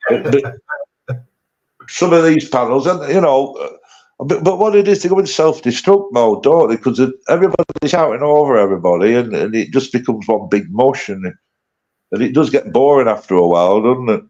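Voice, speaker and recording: A man's voice: medium pitch, lively intonation, moderate pace, a little mellow. Sweary man in his fifties, lo-fi. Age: 50s. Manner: blunt and sweary, rambling banter. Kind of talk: casual livestream chat. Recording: dull lo-fi stream audio.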